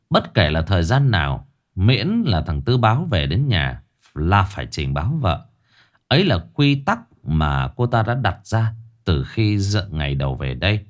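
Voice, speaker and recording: A man narrating a ghost story in a dramatic reading. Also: fairly low pitch.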